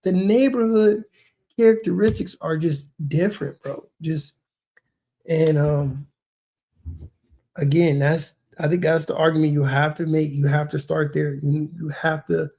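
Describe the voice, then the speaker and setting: His voice runs on the high side, steady and warm with some creak, and he speaks a little slowly. A realtor living near a big Texas city, he hosts his own video and casually explains a process, often repeating words and using "man" and "bro."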